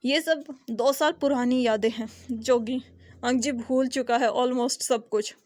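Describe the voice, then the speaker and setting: A woman's voice: a little high, steady tone, measured pace, a little mellow. A woman storyteller casually retelling a drama plot, chatty and mixing in English words, with frequent restarts.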